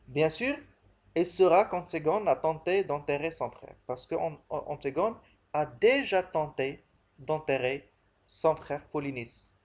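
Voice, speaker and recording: A man with a slightly high voice gives a literature lesson. He explains in a didactic manner, posing questions and answering them himself. He often repeats key phrases to make them clear. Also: animated, measured pace. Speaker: literature teacher.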